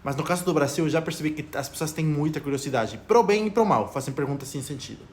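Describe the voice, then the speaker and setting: A young man from Ecuador speaks Portuguese with a Spanish accent, chatting casually to camera as a vlogger who rambles and shares strong opinions. His voice is a little high and a little mellow, and he talks fast. Slight background noise is present.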